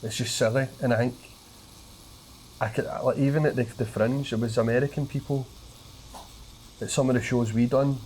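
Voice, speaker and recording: A man's voice: medium pitch, steady tone, normal speed, pauses often, a little mellow, slight background noise, low-quality recording. A man with a thick, broad Glaswegian Scottish accent in casual podcast chat, speaking colloquially with an occasional slight stutter. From Glasgow, Scotland. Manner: colloquial, broad Scots wording, some swearing. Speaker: stand-up comedian, podcast guest.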